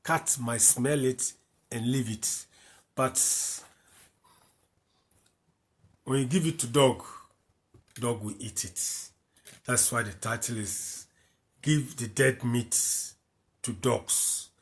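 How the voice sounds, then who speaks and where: A West African man gives slow, repetitive Bible commentary, reading verses out loud, explaining them, and repeating key lines. He speaks at a medium pitch, taking it slowly with long pauses.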